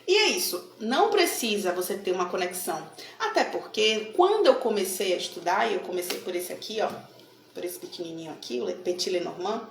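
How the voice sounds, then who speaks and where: A middle-aged tarot reader and channel host from Salvador, Bahia, Brazil, speaks Bahian Brazilian Portuguese in a medium-pitched, creaky voice. She chats casually to camera about her card readings in a home room with a plant and altar, often using tag questions. The room is echoey with faint noise.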